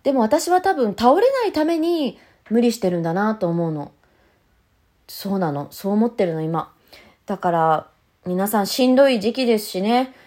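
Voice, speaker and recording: Woman podcaster, casual heartfelt monologue, animated intonation, talks straight to listeners. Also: medium pitch, normal speed. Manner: candid and reflective, talks to listeners directly; many soft fillers and restarts. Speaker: podcast host, single mother.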